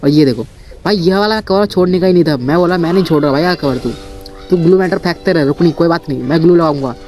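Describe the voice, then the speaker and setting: A gameplay commentator narrates his own shooter match in a fast, slightly high, somewhat mellow voice, with faint music in the background. He's chatty, playful and self-mocking, speaking directly to his viewers and repeatedly calling them "brother."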